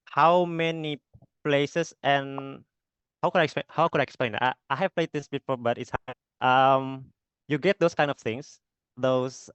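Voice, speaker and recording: A young Indonesian man gives an unprepared talk over a video call, stopping often to hunt for words. His voice is smooth and resonant, with a mid pitch. The sound is dry and a little dull. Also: a bit bright, no room sound. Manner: hesitant, heavy with fillers, searching for words. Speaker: exchange student presenter. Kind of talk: unprepared online presentation.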